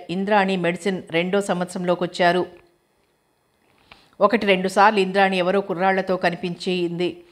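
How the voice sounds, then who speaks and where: A woman narrating a novel as an audiobook reader, in a steady, measured storytelling manner. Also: fairly low pitch.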